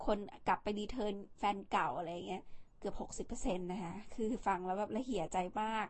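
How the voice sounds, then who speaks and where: A woman's voice: mid-range voice, quick pace, breathy edge. A woman hosting a vlog in a casual, chatty way, playful and teasing as she talks. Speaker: vlog host.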